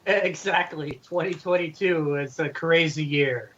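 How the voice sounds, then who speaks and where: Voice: medium pitch, a little slow, fairly bright tone, lo-fi sound. Stammering, laughing radio co-host. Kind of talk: casual radio chat.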